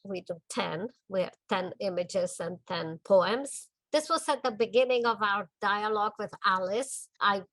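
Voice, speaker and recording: An older woman artist from the Czech Republic describes her art in a documentary interview in her home studio, her Czech-accented speech gentle, considered and lightly paused. She has a mid-range voice, and there is no echo.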